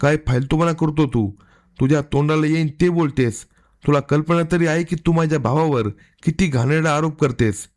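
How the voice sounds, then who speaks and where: A man's voice: on the high side, normal speed, darkish tone, close to an everyday voice. A man voicing a stern, angry husband in a narrated crime story. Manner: harsh, commanding.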